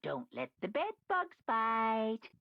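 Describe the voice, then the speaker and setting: A woman's voice: a little high, wildly swooping pitch, takes it slowly, dry recording, lo-fi sound, heavily acted. A woman voicing a mischievous male robot bear headmaster who makes school announcements in a mock-sweet singsong manner, heard as video game audio.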